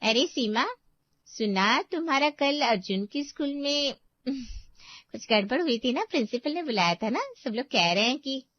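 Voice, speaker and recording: A woman's voice: sits high, animated, normal speed, no echo, voice pushed up. A woman voicing a nosy gossiping neighbor who pries with false sympathy, for a cartoon story. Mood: prying. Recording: dull lo-fi voice track.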